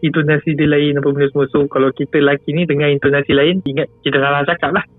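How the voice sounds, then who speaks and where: A man's voice: fairly high pitch, level tone, fast talker, no room sound, soft background music. Seorang lelaki berloghat Malaysia yang bercerita santai tentang pengalaman seram, banyak mengulang kata dan sering tergelak kecil. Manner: chatty, repeats phrases, chuckles often. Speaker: guest storyteller. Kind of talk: casual storytelling about a scary experience. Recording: tinny phone-like sound.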